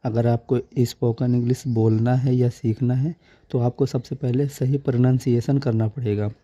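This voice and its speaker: A man's voice: medium pitch, little pitch movement, moderate pace, dark tone, no echo, dull audio. A man teaching English letter sounds in Hindi, patient and repeating each sound several times. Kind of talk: slow, explanatory Hindi lesson.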